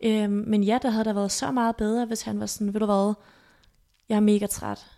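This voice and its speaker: A woman recounting a painful story as a podcast guest, her voice soft and halting. There is a gravelly fry in her delivery. Her pitch stays narrow and level. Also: little pitch movement. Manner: soft, halting, emotional retelling. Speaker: interview guest. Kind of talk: personal storytelling.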